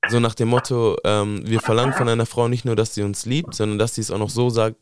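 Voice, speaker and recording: A man hosting a podcast who talks in a relaxed, slangy way with many fillers. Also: fairly low pitch, fast talker, clean tone, dry recording. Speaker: podcast host. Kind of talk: casual chat.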